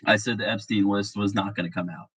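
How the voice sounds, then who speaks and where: A man who is sick, talking a bit monotone in a rambling, casual monologue full of fillers and restarts. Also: fairly low pitch, fast talker, husky, low-quality recording. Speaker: political commentary vlogger.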